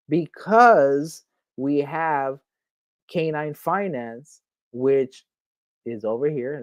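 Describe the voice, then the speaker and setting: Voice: mid-range voice, darkish tone, dry recording. A crypto channel host talking viewers through a screen walkthrough, hyped up and repeating "okay?" and "right here" as they go. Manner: addresses viewers as "my people".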